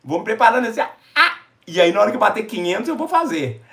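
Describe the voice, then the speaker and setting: A Brazilian man hosting a live stream, excitable and emotional, talking in slangy casual chat and close to tears. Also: high-pitched, fast. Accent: Brazilian Portuguese. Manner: excitable, slangy, calls everyone "véi". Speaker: YouTube streamer.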